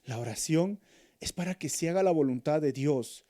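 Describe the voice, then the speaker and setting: Earnest Peruvian preacher, soft-toned. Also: male voice, a little high, animated, normal speed. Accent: Peruvian Spanish. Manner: preaching with sudden drops to hushed, earnest tones. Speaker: pastor. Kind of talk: sermon.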